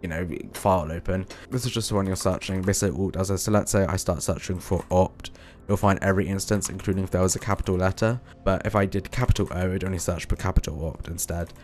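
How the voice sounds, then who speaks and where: Fast-talking low-voiced young man. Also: fairly even intonation, darkish tone. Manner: quick, chatty, with fillers and self-corrections. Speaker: programming YouTuber. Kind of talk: casual screen-recorded walkthrough.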